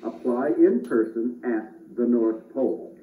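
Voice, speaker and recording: A man playing a kindly, reassuring old Santa Claus in a children's puppet show, measured and fatherly. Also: medium pitch, lightly acted. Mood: pleased. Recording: noisy, roomy, distant, muffled phone-like audio.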